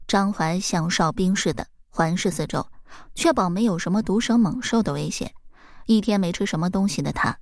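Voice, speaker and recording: A woman reading a folk tale aloud in an expressive storybook narration. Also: fairly low pitch, no echo, studio quality.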